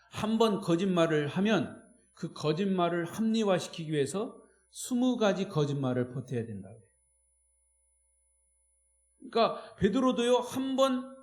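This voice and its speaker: At evening worship in a church, a pastor with a high voice and a Chungcheong Korean accent delivers a sermon. He preaches emphatically, calls out to the congregation, and swings between loud and quiet.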